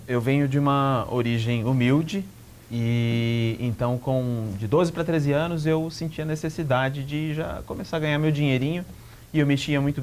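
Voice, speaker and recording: A man with a Brazilian Portuguese accent, a guest entrepreneur calmly telling his life story in an interview. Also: mid-range voice, slight background noise. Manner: calm storytelling with small restarts.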